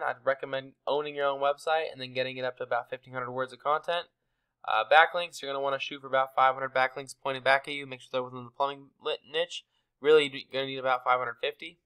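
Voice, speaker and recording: Fast bright-voiced young marketer. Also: male voice, medium pitch, clear, resonant tone, rough recording. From Texas. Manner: friendly, conversational, many fillers. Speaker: SEO marketer reviewing a client's website. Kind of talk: casual screen-share walkthrough.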